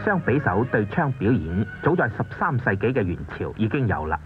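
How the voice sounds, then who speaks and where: A man reading scripted documentary narration in a lively, emphatic way, heard from a worn VHS tape copy. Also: lowish voice, a little fast. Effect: worn VHS tape copy, muffled and lo-fi. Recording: muffled worn videotape under loud music.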